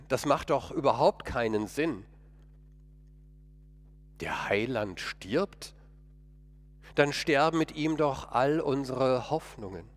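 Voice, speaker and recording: Slow, earnest man preaching a monologue. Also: mid-range voice. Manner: earnest, emotional, pleading. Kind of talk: first-person dramatic monologue sermon.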